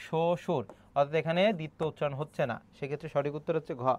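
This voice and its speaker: This senior teacher, a middle-aged Bangladeshi Bengali-accented man, leads an online admission-prep session, explaining each step, frequently testing his students and repeatedly clearing his throat. He talks in rapid-fire bursts with a somewhat high, fairly flat pitch and a darkish tone. The audio is dull.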